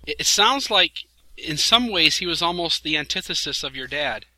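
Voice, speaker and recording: A man's voice: on the high side, animated, normal speed, sharp tone, dry recording, low-quality recording. A man interviewing a guest, probing and summing up what he hears. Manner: probing, summarizing the guest's story. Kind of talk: interview questions.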